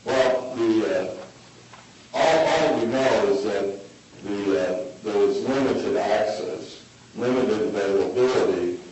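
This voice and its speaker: Halting low-voiced male lawyer, very echoey. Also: darkish tone. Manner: halting, hesitant, with very frequent uhs. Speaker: defense appeal lawyer. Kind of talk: oral argument in court. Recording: very echoey distant courtroom, faint noise.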